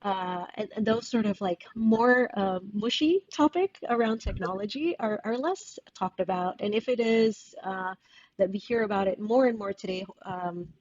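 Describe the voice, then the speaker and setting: A woman, a guest in an interview who talks thoughtfully, pausing and restarting as she searches for words. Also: mid-range voice, lively intonation. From Indonesia. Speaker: guest author. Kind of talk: casual interview conversation. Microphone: video call. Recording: dull dry video call audio.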